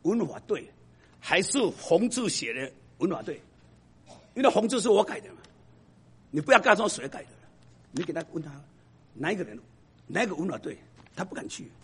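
A man who is a professor, telling stories to an audience in an emphatic, animated way that drops to a hush for the sad parts. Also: sits high, a little fast, long pauses, breathy edge. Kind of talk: storytelling talk to an audience.

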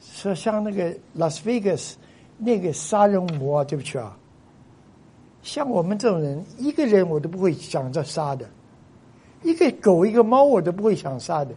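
Man, pastor, sermon, husky voice, emphatic repetition, mixes in English phrases. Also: sits high, darkish tone. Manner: emphatic, repeats phrases for stress; drops English words into Chinese.

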